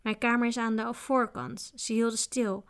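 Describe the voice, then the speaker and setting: A woman's voice: on the high side, steady tone, normal speed, a bit bright. A woman reading aloud, voicing a cowardly male inn servant who whimpers and cries out in pain. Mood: sullen. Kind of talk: audiobook character voice.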